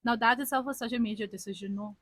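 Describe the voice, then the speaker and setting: A woman's voice: a little high, fairly even intonation, fast, fairly bright tone, dry recording, poor audio. A young woman in her twenties, an interviewee giving earnest advice and switching between English and Nepali. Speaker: interviewee, civil services topper.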